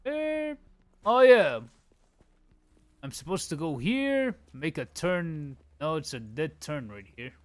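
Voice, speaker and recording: A man in his late twenties hosts a casual game livestream, chatting with viewers about gameplay in slangy, informal language. His fairly high voice is sing-song and slow.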